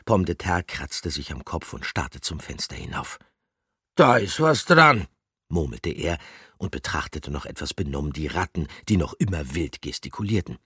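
A man reading a children's story aloud in a lively, animated way. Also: a bass voice, moderate pace, slightly rough, dry recording, studio quality. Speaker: narrator.

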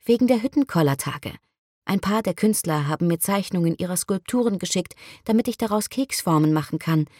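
A woman reading an audiobook, voicing a cheerful young woman who bakes cookies, lifting her voice to sound bright and eager. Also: fairly low pitch, expressive, fairly quick, no echo, studio quality. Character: cheerful young petite blonde woman baker.

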